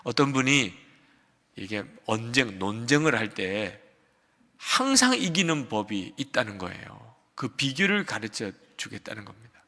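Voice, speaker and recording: An older man preaching a sermon as pastor, moving between loud emphatic peaks and quiet low asides. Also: expressive, unhurried, vocal fry. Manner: acts out a shouting quarrel in quotes. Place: large church sanctuary. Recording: long hall reverb of a church sanctuary.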